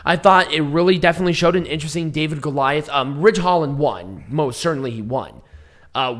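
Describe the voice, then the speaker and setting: A man hosting a casual wrestling review show, hoarse and froggy with squeaky breaks after losing his voice on a night out, blunt and self-mocking. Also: fairly bright tone. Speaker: wrestling review podcast host. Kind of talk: casual chat and match commentary.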